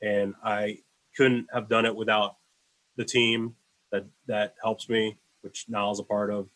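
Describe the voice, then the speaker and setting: A man's voice: fairly low pitch, flat delivery, takes it slowly, a bit bright, low-quality recording. A man, an in-house video producer, answering panel questions in a casual, rambling way with many fillers on a video call.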